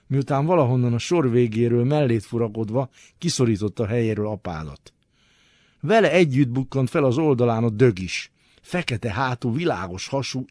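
A man giving a dramatic literary reading, expressive and swinging between hushed and forceful delivery. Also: mid-range voice, no room sound. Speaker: reader.

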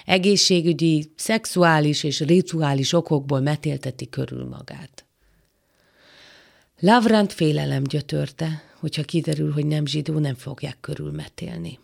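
A woman reading a literary novel aloud as an audiobook narrator, in a calm, measured way. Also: sits low, vocal fry.

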